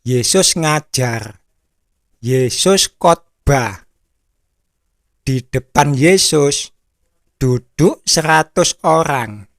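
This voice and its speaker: A man's voice: on the high side, animated, extremely slow, pauses often, dry recording, clean studio sound. A man preaching a sermon, telling a story in a blunt, repetitive way.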